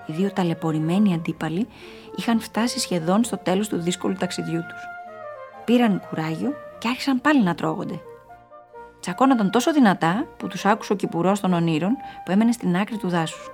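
A woman narrating a storybook in a lively, expressive way. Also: fairly low pitch, soft background music.

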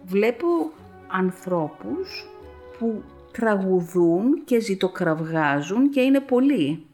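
A woman's voice: mid-range voice, expressive, darkish tone, soft background music, natural voice. A woman reading as a trembling, terrified old scholar. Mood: awed, fearful. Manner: fearful, trembling. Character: terrified old male scholar seeing visions.

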